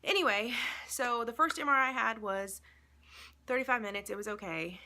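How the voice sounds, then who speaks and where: A woman's voice: a little high, normal speed, bright, forceful tone. A young woman vlogging from home, talking casually and rambling a little, with many ums and restarts, somewhat out of breath. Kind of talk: casual chat.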